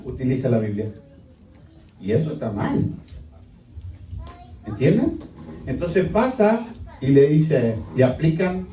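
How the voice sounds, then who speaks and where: A man's voice: on the high side, warm tone, highs cut off, a little hiss or hum. A male pastor preaching a sermon emphatically, with many rhetorical questions. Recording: echoey hall, distant mic.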